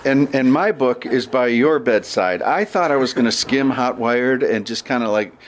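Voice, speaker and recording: A male podcast host leads a relaxed conversation from a sauna bench. He circles around his questions with plenty of ums and restarts. Faint background noise sits under the voice. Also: mid-range voice, moderate pace. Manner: rambling, warm questions with fillers. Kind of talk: casual interview chat. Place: inside a sauna at an outdoor festival.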